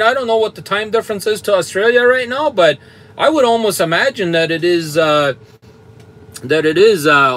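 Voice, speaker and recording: A fairly high-voiced man from Canada, a trucker talking from his truck cab. He chats loosely and bluntly, full of fillers and little chuckles, reading out comments as they come in. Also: fairly bright tone. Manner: blunt, straightforward, chuckles often, many fillers. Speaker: trucker streaming a live show. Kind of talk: casual live-stream chat reading comments. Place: truck cab with bunk heater and fan.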